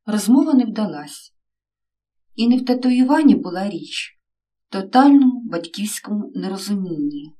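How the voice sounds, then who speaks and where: Woman reading a story out loud, expressive, middle voice, bit far from the mic. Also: medium pitch, normal speed. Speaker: narrator.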